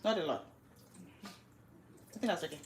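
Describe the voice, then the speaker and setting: On a casual cooking livestream, a woman from Nigeria chats with her audience from her home kitchen and welcomes people by name. Her voice is on the low side with a darkish tone and a slightly slow pace, over slight background noise and roomy echo.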